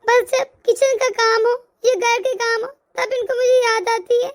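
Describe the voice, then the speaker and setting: A woman voicing a humble, poor woman from a village, meek and soft-spoken. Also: very high voice, flat delivery, moderate pace. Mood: sad. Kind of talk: cartoon voice acting.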